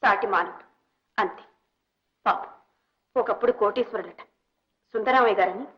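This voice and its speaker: An actress playing a selfless young woman who speaks gently and pleadingly on behalf of a sick old man. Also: medium pitch, normal speed, natural voice. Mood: gentle. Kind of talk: 1960s Telugu film drama. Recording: dull old film soundtrack.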